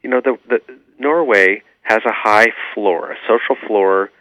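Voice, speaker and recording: A man's voice: lowish voice, measured pace, fairly bright tone, no echo. A man, an author being interviewed, explaining his views earnestly and with many fillers. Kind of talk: remote radio interview. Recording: tinny phone line.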